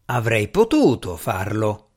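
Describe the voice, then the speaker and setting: A man voicing a confident, dismissive male magician in an audiobook, speaking in a brisk way. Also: on the low side, huge pitch swings, a little mellow, breathy edge, heavily acted.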